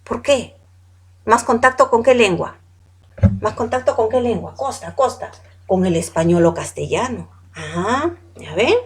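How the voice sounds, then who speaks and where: A woman's voice: on the high side, lively intonation, unhurried, slightly rough. A woman teaching a class, reading out long lists of words one by one, correcting how they are said and asking the students questions. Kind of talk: classroom lecture.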